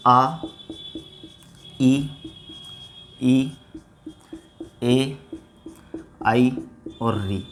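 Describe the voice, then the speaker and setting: In this grammar lesson for exam preparation, the male teacher answers his own rhetorical questions, each time in a lower, hushed voice. He regularly refers to his students as friends.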